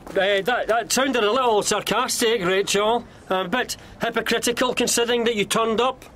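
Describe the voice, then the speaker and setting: An actor playing a blunt, mocking prankster in a comedy radio drama, with music underneath. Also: male voice, very high voice, normal speed, fairly bright tone. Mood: scornful. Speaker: one of a pair of pranksters.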